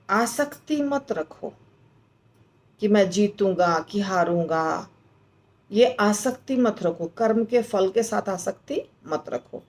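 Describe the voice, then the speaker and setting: A woman teaching how to pronounce and recite a verse, explaining slowly and patiently and chanting the lines. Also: fairly low pitch, darkish tone. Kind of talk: slow recitation lesson.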